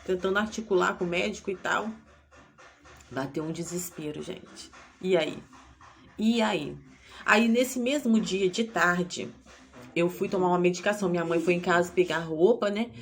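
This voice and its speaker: A woman's voice: fairly low pitch, normal speed, gravelly. A young Brazilian woman telling her personal faith testimony in a tearful, emotional way, often calling out to her listeners. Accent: Brazilian Portuguese. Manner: tearful, addresses listeners as "gente". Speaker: testimony speaker.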